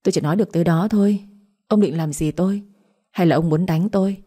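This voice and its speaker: A woman voicing a harsh, spiteful middle-aged mother who taunts and curses in a shrill voice. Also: quick pace, warm tone, slightly rough. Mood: shrieking.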